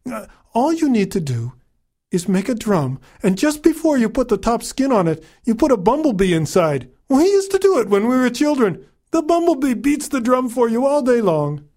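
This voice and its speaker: A man's voice: very high-pitched, sing-song, moderate pace, darkish tone, pitched above the performer's own voice, heavily acted. A man voicing a kindly, wise old mother in a told folktale, amused and matter-of-fact.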